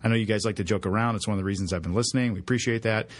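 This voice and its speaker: A man co-hosts a podcast in casual, joking chat and pokes fun at himself. He talks fast in a low, husky voice. He drifts easily between reading aloud and banter. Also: fairly even intonation. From United States. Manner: joking, self-mocking, reads an email aloud. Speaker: podcast co-host.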